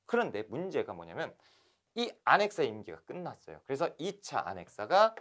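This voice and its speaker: Korean guy lecturing history, storytelling style, very lively up and down voice, mid pitch. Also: moderate pace. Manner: animated storytelling, acting out scenes. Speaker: history instructor. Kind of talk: lively exam-prep lecture.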